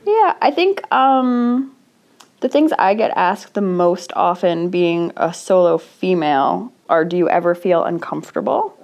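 Low, gravelly woman in casual chat. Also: expressive, measured pace, darkish tone. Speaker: co-host, solo traveler.

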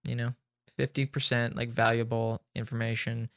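A man's voice: medium pitch, level tone, normal speed, smooth, no room sound, studio quality. A man hosting a podcast, chatting casually and rambling with lots of fillers and jokes. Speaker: podcast host. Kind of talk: casual chat.

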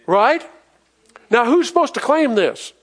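A man's voice: very high voice, very animated, unhurried. A pastor preaching a sermon to his congregation, reading scripture aloud and asking the people questions. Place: church in front of a congregation.

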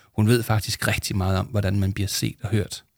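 Male reader as a calm, warm storybook mentor, patient, low and gravelly. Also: no room sound, clean studio sound. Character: calm kindly adult mentor, gently smiling.

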